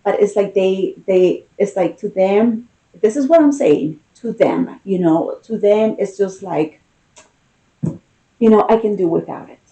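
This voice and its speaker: A woman giving an intimate tarot reading in a casual, conversational manner, with unhurried, drawn-out emphasis and a mellow, soft-edged voice. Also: mid-range voice, poor audio. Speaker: tarot card reader.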